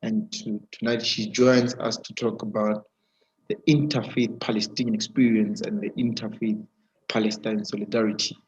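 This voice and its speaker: Webinar host, male, lowish voice, heard through a dull, lo-fi video call line; halting delivery with lots of "uh" and "um". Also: flat delivery. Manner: halting, with many fillers and restarts. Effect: heard over an online video call with a weak connection. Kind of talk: hosting a live webinar interview.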